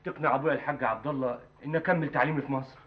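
A man's voice: mid-range voice, fairly even intonation, close to an everyday voice. An actor playing an earnest young village man with an Egyptian accent who writes poetry and recites his verse grandly. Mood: eager. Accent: Egyptian Arabic. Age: young adult. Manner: declaims verse slowly and grandly. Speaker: village student and aspiring poet. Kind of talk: TV drama acting. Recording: dull lo-fi TV soundtrack with music.

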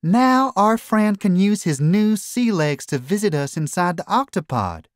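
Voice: mid-range voice, very animated, unhurried, no echo, clean studio sound, voice pushed up. A reader voicing a practical female bunny engineer in a children's storybook, upbeat and hands-on. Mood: proud.

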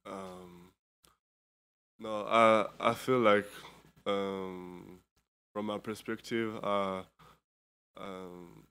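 A tired young man from Europe speaks into a table microphone in an indoor press room. His voice is lowish, clean and resonant, and it stays fairly level in pitch. He talks haltingly, with lots of fillers and restarts. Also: level tone, a bit bright, smooth. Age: 20s. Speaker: basketball player. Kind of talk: postgame press conference answers.

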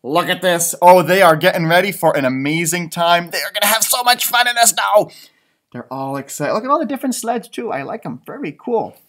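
Among bookshelves indoors, an American teacher in his thirties reads and chats for young elementary school kids in an animated read-aloud full of asides. His voice sits high and moves a little fast, and he's playful, expressive and theatrical, jumping suddenly between loud and hushed.

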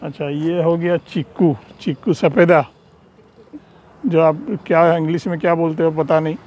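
A man gives a casual, chatty walkthrough of his rooftop terrace garden, pointing things out while filming outdoors on a handheld phone. His voice is fairly high and darkish, with little pitch movement and normal speed, and the recording is rough.

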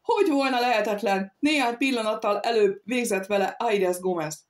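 Brief: woman doing a proud, shrill noblewoman for an audiobook, oratorical and accusing, pitched up. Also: lightly acted. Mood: indignant. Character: haughty indignant lady of the house. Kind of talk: audiobook character reading.

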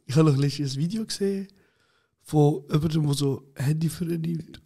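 A man co-hosting a casual podcast, telling animated, slangy anecdotes and laughing often. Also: on the high side, fairly quick, breathy edge. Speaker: podcast co-host. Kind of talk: casual chat, storytelling.

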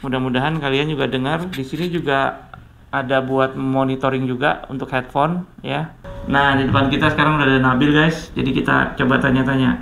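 A man's voice: medium pitch, fairly even intonation, brisk, creaky, a bit bright, soft background music. A man giving a casual product review, chatty and addressing viewers often. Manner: chatty, says "guys" a lot. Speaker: tech reviewer.

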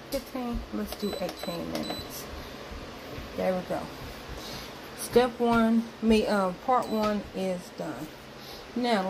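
This Southern woman has a gravelly, medium-pitched voice as she guides viewers through cooking dinner in her home kitchen, describing each step along the way in a casual manner. Her handheld phone camera picks up a lot of kitchen noise.

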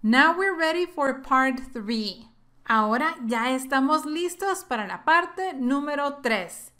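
Slow-spoken woman teaching pronunciation. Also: sits high, expressive, bright, forceful tone. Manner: slow, careful drilling of words twice. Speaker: English teacher. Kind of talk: pronunciation lesson.

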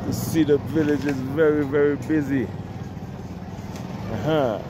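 A Caribbean man in his forties, working as a travel vlogger, wanders a busy village market outdoors and talks unhurriedly to his arm's-length selfie camera, offering friendly greetings to those he passes. His mid-range voice holds steady against street noise.

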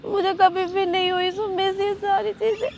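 A woman's voice: very high-pitched, flat delivery, normal speed, a little mellow, a little hiss or hum. A woman vlogger pleading tearfully in a prank vlog, crying as she talks.

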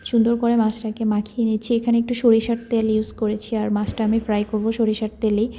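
Softly speaking young woman, dark mellow tone. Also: fairly high pitch, monotone, fairly quick, a little hiss or hum. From Bangladesh. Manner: speaks softly so her child can sleep; chatty, leans on filler words. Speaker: cooking vlogger. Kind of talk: casual voice-over narration.

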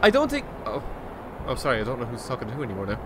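Animated, sardonic Irish man streaming a game. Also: mid-range voice, very fast, background noise. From Ireland. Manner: sardonic, sweary. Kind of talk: casual live game commentary. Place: indoor room, streaming setup.

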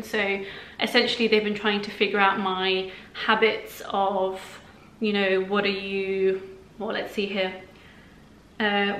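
A young woman from the UK chatting casually to camera as a personal finance vlogger, relaxed and full of fillers like um and like. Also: mid-range voice. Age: young adult. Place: living room of a flat, indoors. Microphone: camera in front of her at desk distance. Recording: roomy indoor sound.

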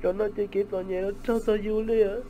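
A man's voice: high-pitched, level tone, quick pace, dark tone, slight background noise, poor audio. A man rambling in casual conversation, coming back to the same phrases.

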